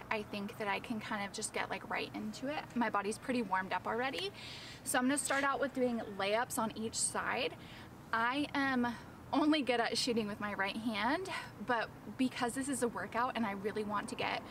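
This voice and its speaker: A woman talks casually to her camera, narrating her workout step by step, her voice a little high and sometimes short of breath. She is recorded outdoors on a basketball court. The camera sits some way off, so she sounds distant over steady background noise. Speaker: vlogger. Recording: distant mic, noisy outdoor ambience.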